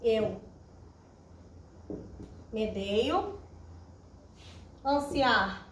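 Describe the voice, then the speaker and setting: Brief: Brazilian woman teacher with a higher voice, patient and step-by-step, picked up from afar in a roomy space. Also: very slow. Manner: patient, explains step by step, checks in with "tá?". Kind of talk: recorded classroom grammar lesson at a whiteboard. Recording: roomy echo, distant mic, faint hiss.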